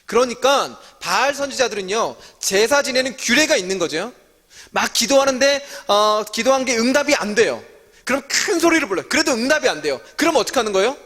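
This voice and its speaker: A man's voice: extremely high pitch, lively intonation, fairly quick, bright, forceful tone. A man leading a Bible study as a sermon, asking his listeners one question after another and answering them himself. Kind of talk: interactive sermon teaching. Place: church hall. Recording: long church-hall reverb.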